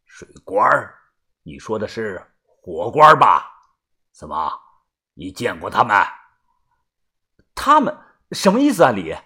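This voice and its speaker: A man voicing a stern grandfather in his seventies, gruff and scolding in an audiobook story. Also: lowish voice, huge pitch swings, a little slow, long pauses, bright, forceful tone, voice pushed down, full character voice. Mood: grave.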